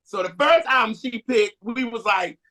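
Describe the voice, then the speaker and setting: An American man co-hosts in a casual, chatty style. His voice is notably high for a man and very bright, and he tells stories by acting out who said what. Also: normal speed. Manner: animated storytelling, acts out quoted conversations. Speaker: podcast co-host. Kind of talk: casual chat.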